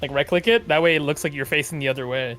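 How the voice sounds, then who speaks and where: A teasing, excitable man chatting as a streamer while they read a game together. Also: on the high side, quick pace, soft background music. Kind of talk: casual chat while reading a game together.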